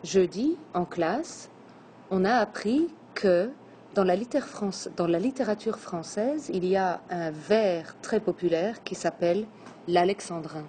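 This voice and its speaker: A woman teacher giving a lesson on poetry, counting out syllables slowly and deliberately. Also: on the low side, mellow, a little hiss or hum. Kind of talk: classroom lesson on verse.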